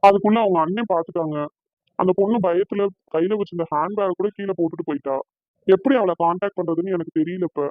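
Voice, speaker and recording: Woman doing troubled young cartoon son, earnest, quick talk, thin phone-like sound. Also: fairly low pitch, no echo, close to an everyday voice. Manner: hesitant, earnest. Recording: tinny phone-like dry sound.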